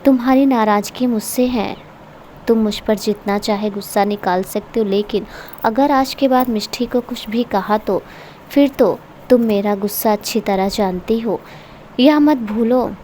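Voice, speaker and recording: A woman voicing an angry young husband who is also a protective uncle, read in a stern, forceful way. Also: a little high, a little slow, a little hiss or hum, lightly acted.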